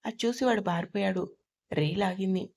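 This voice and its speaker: A woman narrates an audiobook love story at a middling pitch. Her reading is steady and even, the voice of a storyteller carrying the plot along. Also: brisk, creaky.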